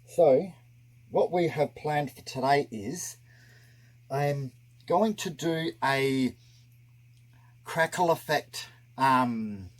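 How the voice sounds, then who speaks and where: A man hosts a casual craft tutorial with his mouth covered by a mask, so his words come out muffled. His voice is husky, and he explains each step at a slow, unhurried pace. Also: mid-range voice. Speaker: craft video host. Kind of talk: casual hands-on tutorial narration.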